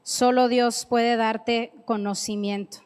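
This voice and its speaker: A woman preaching in a church, her voice sitting high and her delivery unhurried. She drives points home by repeating them, with playful asides. The sound rings out with a long reverb tail in a large hall. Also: level tone, darkish tone, clean tone. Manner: emphatic, repeats key phrases, playful asides. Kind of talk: sermon. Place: church sanctuary.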